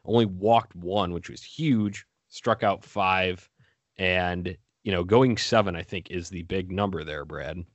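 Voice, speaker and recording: Male sports podcast co-host, deep pitch, casual recap commentary, dry recording. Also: unhurried, dry recording, muffled recording.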